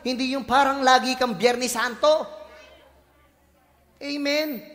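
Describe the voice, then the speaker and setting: A male pastor from the Philippines, preaching a lively sermon full of jokes and playful voices. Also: extremely high pitch, takes it slowly, slight background noise. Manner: animated, joking, playful voices and shouts, mixes English in. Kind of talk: lively sermon with comic asides. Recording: church hall reverb.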